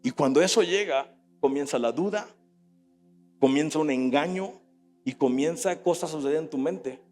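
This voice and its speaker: A man with a Mexican Spanish accent, a pastor giving a sermon, who moves from quiet storytelling to loud preaching. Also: a little high, normal speed. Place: church hall. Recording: echoey hall with soft music.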